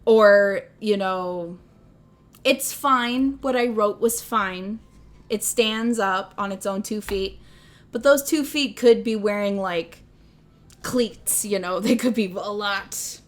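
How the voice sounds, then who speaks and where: Taking her time at a medium pitch, this young woman from the American Midwest rambles through a casual livestream chat. She is self-deprecating, laughs a lot, and has a Midwestern accent.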